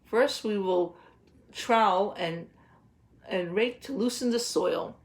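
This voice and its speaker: A woman in her thirties, working as a teacher, reads a picture book aloud to young children at a slow pace and a medium pitch. She explains words simply and asks gentle questions, recording indoors in a small home office.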